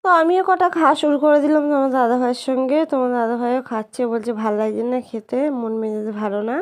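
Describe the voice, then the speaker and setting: A young woman with a hoarse voice from a cold, narrating her day casually for viewers in a soft, subdued way. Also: high voice, fairly even intonation, quick pace. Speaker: vlogger.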